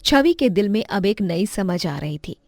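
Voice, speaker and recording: A woman's voice: mid-range voice, lively intonation, unhurried, darkish tone, no echo, studio quality. Woman narrating a bedtime storybook. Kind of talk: scripted narration.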